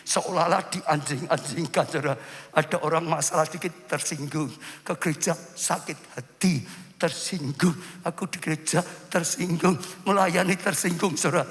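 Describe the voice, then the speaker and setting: A male pastor preaches a theatrical sermon, dropping to near-hush and then rising to shouts as he presses his congregation. His voice rings with a long echo through a large church hall, picked up by the live-stream microphone. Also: fairly high pitch. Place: church sanctuary.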